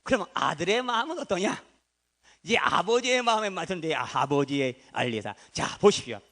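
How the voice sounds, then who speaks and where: A man's voice: sits high, sing-song, brisk, a bit bright. A man preaching a Sunday sermon as pastor, emphatic and repetitive, acting out the speech of biblical figures. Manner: emphatic preaching, acts out the prophets' words in dialogue. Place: church service.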